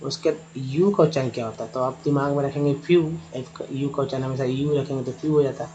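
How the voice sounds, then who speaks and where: A man's voice: mid-range voice, steady tone, brisk, dark tone, muffled recording. A man teaching English pronunciation, patiently spelling out words letter by letter and repeating each sound. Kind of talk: Hindi-language phonics lesson at a board.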